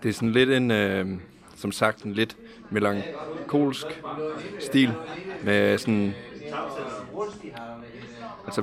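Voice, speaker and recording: A Danish man, a band member, describing the band's style in a hesitant, casual way. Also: fairly low pitch. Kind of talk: casual interview answers. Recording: crowd chatter in the background. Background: crowd.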